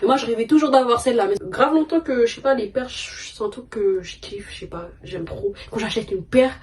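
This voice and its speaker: A young woman from France talks, her voice sitting fairly high. She rambles along in relaxed slang, full of fillers and asides, as in a casual vlog chat. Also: a little fast. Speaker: vlogger.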